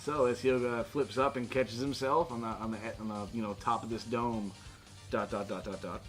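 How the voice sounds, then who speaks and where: Narrating a tabletop role-playing game as game master, a man speaks at a moderate pace in a mid-range voice with fairly even intonation. His manner is casual and includes some swearing, and music plays in the background.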